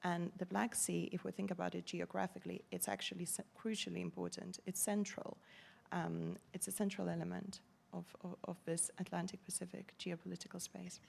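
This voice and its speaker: A woman speaking as a panelist at a conference, measured and pausing often with filler sounds. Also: on the low side, flat delivery, creaky, a little mellow, slightly rough.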